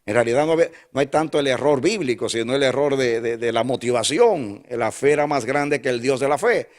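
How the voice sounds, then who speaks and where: An older man preaching a sermon as a pastor, emphatic and repetitive, dropping now and then into soft asides. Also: medium pitch, brisk.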